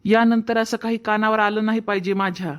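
An earnest, dutiful young husband and son in a cartoon family drama, voiced by a woman. He lectures his wife in a steady, mid-pitched voice. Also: brisk, clean tone, lightly acted.

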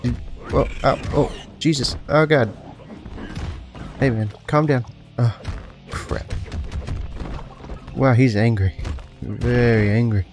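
A man's voice: medium pitch, slow, pauses often. A man giving casual commentary on his own fighting game play, joking, swearing and taunting the characters on screen. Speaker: let's play host. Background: faint game music.

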